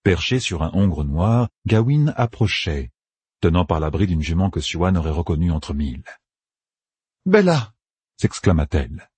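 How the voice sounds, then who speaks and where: A man narrating a fantasy audiobook in a measured, even storytelling manner. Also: low-pitched, breathy edge, no room sound.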